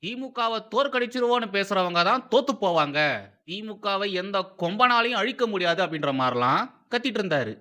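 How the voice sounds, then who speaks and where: A man's voice: high-pitched, expressive, a little fast, sharp tone. A man hosting political commentary, mocking and sarcastic, who repeats phrases for emphasis.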